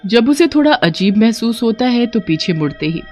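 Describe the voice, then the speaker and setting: A woman narrating a cartoon story in a soft, steady storytelling voice. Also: a little high, normal speed, faint music behind.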